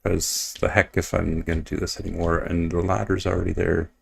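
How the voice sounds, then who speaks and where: A man with a deep, creaky voice and little pitch movement talks fairly quickly while streaming a game at his computer. He rambles casually, mocks himself and mutters asides as he plays.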